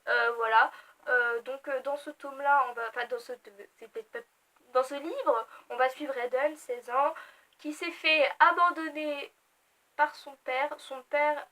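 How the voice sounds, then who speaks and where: A young woman with a French accent chats through her monthly reading in a casual book vlog. Her voice sits high and bright, and she talks in a loose, animated way, full of fillers and joking asides about herself. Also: low-quality recording. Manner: chatty, animated, self-mocking asides. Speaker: book vlogger.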